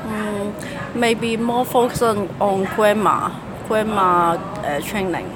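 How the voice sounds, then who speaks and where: A woman's voice: mid-range voice, fairly even intonation, slow pace, noisy background. A young woman from mainland China with a Chinese accent answers interview questions in second-language English, hesitantly, repeating and searching for words. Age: young adult. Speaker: university student interviewee.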